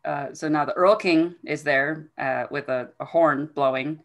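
A woman's voice: low-pitched, fairly even intonation, unhurried. A woman hosting a casual book discussion, retelling the plot in a conversational way. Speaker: podcast host recapping a fantasy novel.

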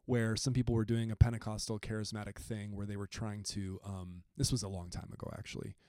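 Man telling a wry, halting story. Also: fairly low pitch, level tone, mellow, no room sound, studio quality. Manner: hesitant, self-interrupting storyteller with wry asides. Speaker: podcast co-host. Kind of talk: casual conversational podcast.

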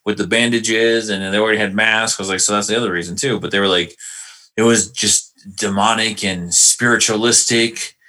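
A man telling a story in casual podcast chat, animated and incredulous. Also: on the low side, fairly quick.

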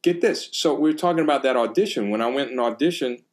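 Man, middle-aged, casual chat, animated storyteller, mid pitch. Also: quick pace. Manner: animated storytelling, acts out exclamations. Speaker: percussion teacher. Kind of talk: casual conversation.

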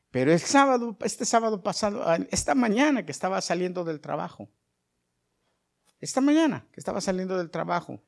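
A middle-aged male pastor with a slightly high voice preaches a sermon, swinging from soft, chatty asides to loud, rising bursts.

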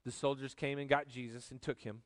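A man preaching a sermon as pastor, animated, swinging from loud emphasis to quiet joking asides. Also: medium pitch, a little fast, no echo.

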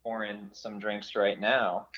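A man from Michigan joining a casual podcast chat as a guest over a remote call, relaxed and easygoing. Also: lowish voice, slow, highs cut off.

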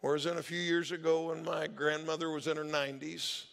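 A man with a high, gravelly voice preaches to his congregation, chatting through stories and playing the voices of the people in them. His tone is bright and forceful. The sound carries a long reverb from the church hall. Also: flat delivery, a little fast. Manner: conversational storytelling, acts out quoted voices. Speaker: pastor. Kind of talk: sermon.

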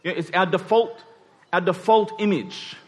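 A man with a high-pitched voice preaches a conversational sermon at a moderate pace. He repeats key phrases for emphasis and checks in with the congregation through short rhetorical questions.

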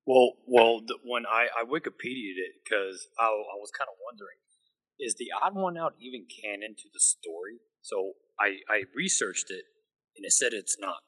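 Casting: man, somewhat deep, casual podcast co-host with halting, restated phrasing. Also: animated, a bit bright, slightly rough, low-quality recording. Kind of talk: casual discussion.

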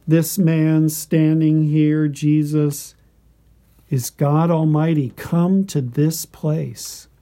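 A man delivers a scripted devotional narration. His voice is very dark and mellow, and he speaks slowly. Each phrase comes out deliberate and reverent. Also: fairly high pitch, flat delivery.

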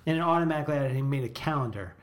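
A man's voice: mid-range voice, expressive, rapid-fire. Teasing man co-hosting a podcast. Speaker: podcast co-host. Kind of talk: casual chat.

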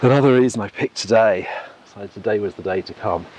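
A man's voice: on the low side, a little fast. A man hosting a casual solo podcast outdoors, musing unhurriedly and thinking aloud, recorded on cassette tape. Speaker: podcast host. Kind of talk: casual solo podcast commentary while out walking. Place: outdoors by an oak tree in countryside. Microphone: portable cassette recorder. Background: noise, clicks.

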